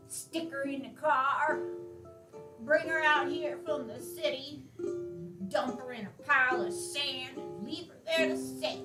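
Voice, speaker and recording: An indignant, feeble farm widow in her eighties , acted by a woman, talks in a high, slow voice. She complains in a folksy, drawn-out way on an echoing stage, far from the mic, with music behind her. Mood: indignant, complaining. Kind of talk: stage play monologue. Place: theater stage, distant mic.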